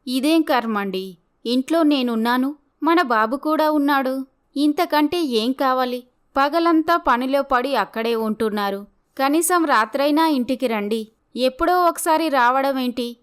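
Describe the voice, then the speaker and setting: A woman plays an aggrieved young wife in a storybook, her voice high and smooth as she pleads and reproaches. She keeps pressing her husband to come home. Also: a little slow. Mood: pleading. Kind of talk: storybook voice acting.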